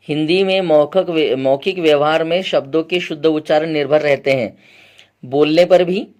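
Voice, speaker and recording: In an exam-prep lecture, a male teacher goes through the material point by point, repeatedly quizzing his class and clearing his throat often. His voice is a little high and a little mellow.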